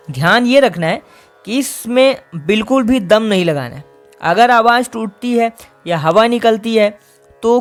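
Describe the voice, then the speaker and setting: A man teaching a singing lesson, explaining vocal exercises patiently step by step. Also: high-pitched.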